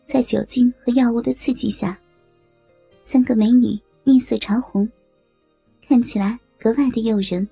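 A woman narrating a story in a steady way. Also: a little high, unhurried, gravelly, long pauses, husky, no room sound. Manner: steady narration, voicing characters. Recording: dry close voice with faint music.

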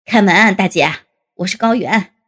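A woman voicing a brash, crude, teasing young man in a storybook reading, with a husky, gravelly lowered voice and loud, fast bursts. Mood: casual. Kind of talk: storybook character voice.

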